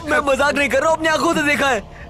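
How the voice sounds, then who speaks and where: A man's voice: sits high, animated, moderate pace, fairly bright tone. An actor playing a tipsy young man who jokes and then screams about a ghost, in a comic dubbed film. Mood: panicked. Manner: slurred, joking, then shrieking in panic.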